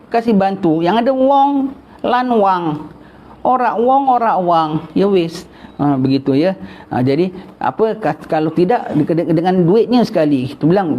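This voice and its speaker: Folksy older man teaching religion, lo-fi. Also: high voice. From Singapore. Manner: conversational, folksy, mixes in Javanese and Arabic phrases. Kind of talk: kitab study lecture. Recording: dull lo-fi recording with faint noise.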